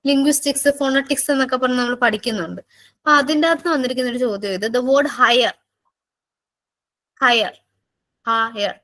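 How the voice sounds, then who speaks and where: A woman with a Malayali English accent teaches an exam-prep lesson, explaining patiently, repeating words, and asking her students questions. Her voice is high-pitched with a fairly bright tone.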